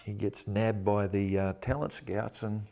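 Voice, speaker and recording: A man's voice: on the low side, fairly even intonation, unhurried, vocal fry, over loud music. An older man with a broad Australian accent, reminiscing casually and bluntly in an interview, with salty colloquial turns of phrase. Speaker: actor interviewee.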